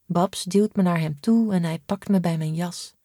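A woman narrating a first-person audiobook in a steady, measured way. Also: fairly low pitch, no room sound, clean studio sound. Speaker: audiobook reader.

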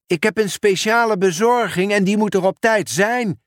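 A man's voice: high voice, normal speed, no echo, clean studio sound, voice pushed up, lightly acted. A man reading a storybook aloud, voicing a cheerful, dutiful postman in a slightly raised, eager voice.

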